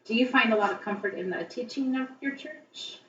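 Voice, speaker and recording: A woman asks friendly, encouraging interview questions. Her voice sounds re-recorded off a television speaker, so it comes across distant, muffled and ringing with room echo. Her pitch sits in the middle range. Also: animated, brisk, a bit bright, a little hiss or hum. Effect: re-recorded through a TV speaker. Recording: echoey, dull, distant TV re-recording.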